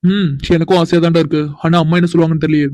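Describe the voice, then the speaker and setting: A man's voice: fairly high pitch, flat delivery, rapid-fire, dark tone, no echo, natural voice. A man voicing a proud, hot-headed young city man in a cartoon, who talks angrily and boastfully. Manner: angry, boastful, vengeful. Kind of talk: cartoon voice acting.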